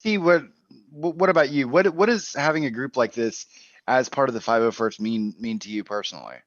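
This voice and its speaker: A male panel host who talks in a loose, halting way, repeating words as he works toward each question. His audio is muffled and dry, like an online call. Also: mid-range voice, no room sound. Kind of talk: casual livestream panel interview.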